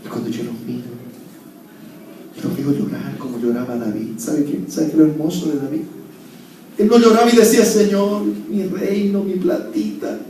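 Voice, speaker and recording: A male pastor preaching a sermon, swinging between loud urgent calls and soft tender passages. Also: on the high side, normal speed, slight background noise. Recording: very echoey church hall, heard from a distance.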